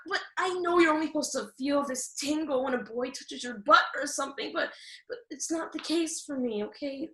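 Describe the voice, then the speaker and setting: A woman's voice: very high voice, fairly bright tone. A woman playing a feisty, anxious fairy-tale little girl in a comedic radio play, flustered, defensive and sarcastic. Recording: roomy, echoing sound.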